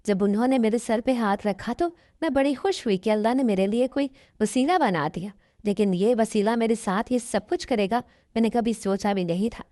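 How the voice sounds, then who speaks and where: Woman as a soft, pleading young wife. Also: fairly high pitch, normal speed, dry recording, clean studio sound, close to an everyday voice. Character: young second wife, helpless, gentle and pleading.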